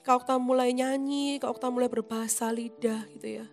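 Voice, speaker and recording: A woman's voice: fairly high pitch, fairly even intonation, a little fast, a little mellow, faint music behind. A woman preaching a sermon in an earnest, emphatic manner, speaking of herself in the third person.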